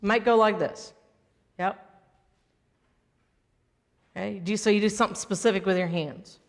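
A woman leading a children's message in a church sanctuary, gently asking the children questions. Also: mid-range voice, moderate pace. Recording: long church reverb.

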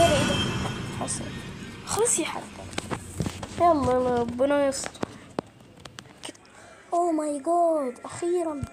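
Egyptian woman, let's-play host, high voice, jumpy nervous commentary over loud game music. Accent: Egyptian Arabic. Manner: jumpy, startled exclamations, nervous chatter. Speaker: gaming channel host. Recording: game music clearly behind the voice.

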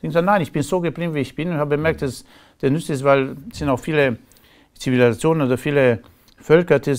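A man's voice: on the high side, fairly even intonation, quick pace, darkish tone. Emphatic man with a Romanian accent. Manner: rambling, emphatic, laughs between remarks. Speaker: interview guest. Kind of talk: casual conversational interview.

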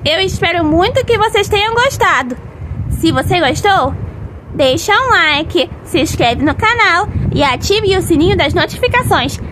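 A woman's voice: extremely high pitch, animated, moderate pace, noisy background. A woman with a Brazilian accent presenting a homemade video as its host. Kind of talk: storytelling and channel sign-off.

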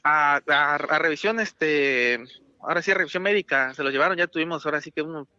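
A man, relative of a freed kidnapping victim, talking haltingly on a phone interview and repeating himself as he thanks God. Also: a little high, pushed and bright, clear, resonant tone, no room sound, lo-fi sound.

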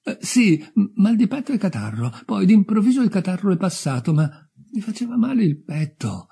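A man's voice: big pitch swings, moderate pace, creaky, mellow, husky, full character voice. A man voicing a nervous, newly dead young man who stammers breathlessly. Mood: anxious. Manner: stammering, breathless, high and fretful. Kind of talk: audiobook character voice.

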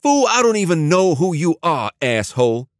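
A man's voice: on the high side, very animated, moderate pace, no echo, clean studio sound, voice pushed up. A male narrator voicing a hostile, swearing male gang boss on a phone call. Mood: angry.

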